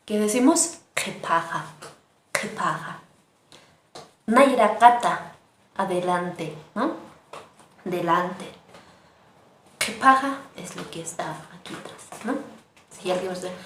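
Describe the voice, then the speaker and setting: Woman, unhurried language teacher, echoey room with faint hiss. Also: medium pitch. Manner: slow and patient, repeats words for learners to echo. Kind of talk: online language lesson.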